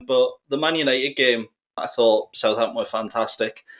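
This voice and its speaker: A man's voice: medium pitch, moderate pace, a bit bright. A man who is a guest on a football podcast, giving confident analysis with dry, sarcastic humour. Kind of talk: casual football podcast chat.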